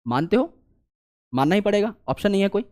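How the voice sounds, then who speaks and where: Lecturing online as he sketches a diagram, a high-pitched, animated biology teacher talks fast. He keeps repeating himself, posing questions he then answers, swinging between loud questions and quiet muttering as he draws.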